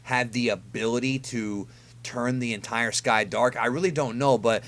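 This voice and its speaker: Man, mid-pitched voice, casual fan commentator, conversational delivery, drawn-out emphasis on key words, anime preview host. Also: a bit bright. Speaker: YouTube host reviewing an anime episode preview.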